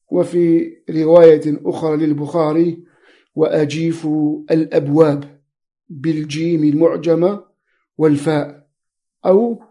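A man teaching a religious text, reading commentary slowly and spelling out letters and variant readings. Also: a little high, mellow.

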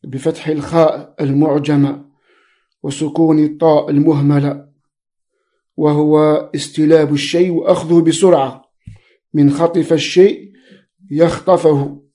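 Guy giving a religious lesson, flat steady voice, deep mellow tone, spells out every letter. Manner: measured, spells out letters and variant readings. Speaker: teacher of hadith commentary. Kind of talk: reading and explaining a religious text.

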